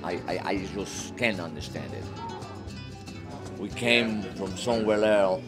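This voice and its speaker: A man's voice: lowish voice, measured pace. A man, president of a community immigrant group, speaking earnestly and firmly outdoors at a rally. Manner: earnest, firm. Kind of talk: street interview. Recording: loud crowd and music behind.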